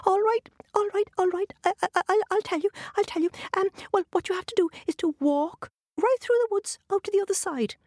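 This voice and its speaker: Woman doing a squeaky, stammering little leprechaun. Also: a little fast, a little mellow, no room sound, studio quality. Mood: nervous. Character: frightened tricky little male leprechaun.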